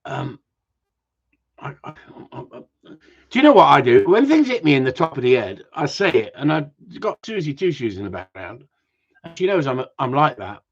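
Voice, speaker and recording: A man's voice: fairly high pitch, very animated, moderate pace, husky. A man who chats to viewers in a rambling, casual way and swears freely. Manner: swears a lot, jumps between topics, loud outbursts. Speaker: gundog breeder livestreaming. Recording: dull lo-fi home stream.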